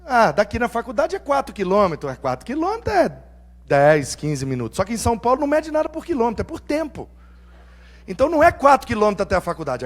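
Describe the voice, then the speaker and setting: A middle-aged man preaching as a pastor, telling a personal story with humor and acting out quoted dialogue in voices. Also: extremely high pitch. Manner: humorous, self-mocking.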